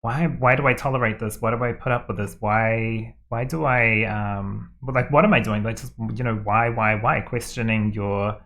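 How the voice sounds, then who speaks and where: A man's voice: fairly low pitch, fairly even intonation, moderate pace, hardly any pauses, a bit bright. A man giving a tarot reading, talking in a rambling, hesitant way with many fillers and restarts. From New Zealand. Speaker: tarot card reader.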